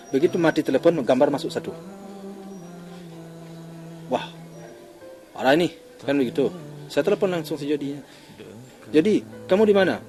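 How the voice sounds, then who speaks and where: An older man, a grieving father, recounting in an interview in a halting way with many pauses and fillers. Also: medium pitch, darkish tone. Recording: music bed under the voice.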